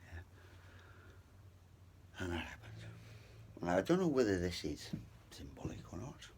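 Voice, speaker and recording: A British man speaks in a deep, gravelly voice with imprecise R sounds. His delivery is casual and digressive, like someone vlogging to viewers from his bedroom. A faint layer of noise sits behind the voice. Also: normal speed. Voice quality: trouble pronouncing R sounds when excited. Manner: meandering, digressive, talks to viewers. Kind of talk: casual, rambling vlog chat. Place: bedroom at home.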